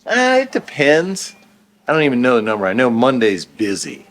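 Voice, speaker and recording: A man chatting casually as he guides a walking tour, explaining things in a halting, informal way. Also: mid-range voice, wildly swooping pitch. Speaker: company employee giving a warehouse tour. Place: large indoor warehouse, walking around. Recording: clear warehouse background noise.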